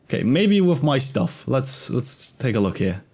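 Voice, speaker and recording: A man's voice: medium pitch, sing-song, unhurried, darkish tone, husky. A man in his twenties giving casual let's-play commentary into a close desk mic, thinking aloud in a hesitant mutter. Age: 20s. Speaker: gaming video host. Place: indoor room at a desk. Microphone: close desk microphone.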